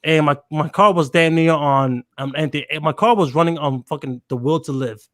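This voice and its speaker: A man's voice: a little high, steady tone, moderate pace, fairly bright tone, no echo, clean studio sound. A man on a video call telling a story in a laid-back, slangy way, checking in with "right?" as he goes. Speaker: podcast guest. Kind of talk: casual storytelling chat.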